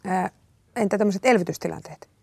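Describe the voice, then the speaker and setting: Woman interviewer, gravelly voice, hesitant fillers, dry sound. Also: medium pitch, darkish tone, dry recording. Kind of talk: interview questions.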